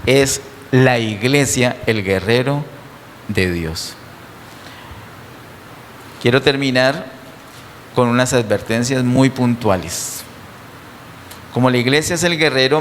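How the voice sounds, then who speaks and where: A man's voice: medium pitch, fairly bright tone, slight background noise. A man preaching a sermon to his congregation, emphatic and full of rhetorical questions, in a church. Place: church hall. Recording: distant sound with long hall reverb.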